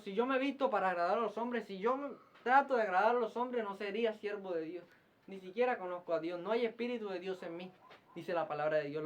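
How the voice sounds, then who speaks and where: A man preaching a fiery, scolding sermon, firing off rhetorical questions and repeating himself. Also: very high-pitched. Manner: repeats phrases and stumbles into restarts. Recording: muffled lo-fi recording.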